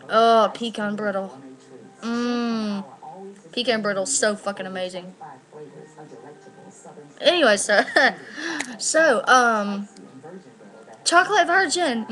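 Sitting indoors in her living room, an eighteen-year-old vlogger talks casually to camera, wandering off topic with plenty of slang and swearing. Her fairly bright voice is on the high side, and the low-quality recording comes from a laptop's built-in mic held at arm's length.

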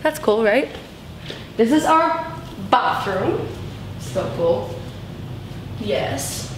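Speaking very slowly in an expressive, somewhat high voice, this bubbly young woman chats her way through a tour of her bedroom and bathroom, saying "like" and "so cool" a lot. The camera is handheld and moves with her, and the large tiled space echoes amid background noise.

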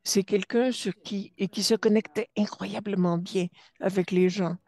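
A woman giving simultaneous interpretation for a webinar, halting and often restarting or correcting herself mid-phrase. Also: medium pitch, steady tone, darkish tone, no echo.

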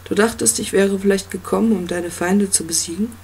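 A reader voicing an ancient, commanding yew-tree monster in an audiobook, with a slow, stately delivery. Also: mid-range voice, steady tone, darkish tone, slight background noise, lightly acted. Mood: calm, knowing. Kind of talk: audiobook reading.

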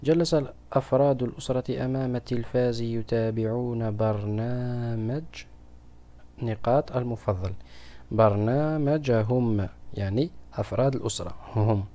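Guy teaching little kids grammar, patient, keeps asking them stuff, warm low tone. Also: fairly even intonation, brisk. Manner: patient, questioning. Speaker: primary school teacher. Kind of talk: explaining a grammar exam to children.

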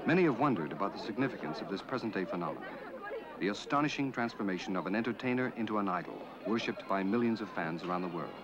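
This is a man narrating an old documentary in a formal announcer manner, and the sound comes from a worn tape copy. His voice sits a little low and moves at a quick clip. Dull, muffled tape sound carries a crowd murmur and steady hiss underneath. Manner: formal, measured announcer delivery. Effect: worn tape copy of an old film soundtrack.

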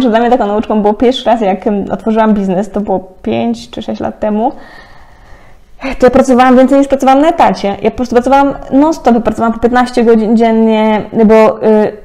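A woman in her thirties giving a casual, chatty card reading, often laughing and filling pauses. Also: on the high side, fairly even intonation, dark tone. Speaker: tarot card reader.

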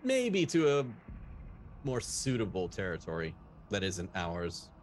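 A man's voice: sits low, huge pitch swings, measured pace, slight background noise. A man playing a tabletop role-playing game in character, wry and sarcastic. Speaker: player.

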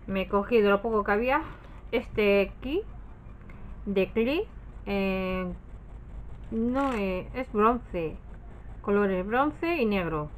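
A craft haul vlogger from Spain chats casually to the camera while showing off her purchases, rambling and often trailing off or correcting herself. Her Spanish-accented voice is medium-pitched and a bit bright, and the poor-quality audio carries a little hiss or hum.

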